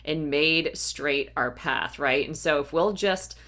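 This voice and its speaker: A woman's voice: deep voice, slow, a bit bright. A woman hosting a faith podcast as a life coach, talking earnestly and often asking "right?". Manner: earnest, uses "right?" tags. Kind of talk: encouraging podcast talk.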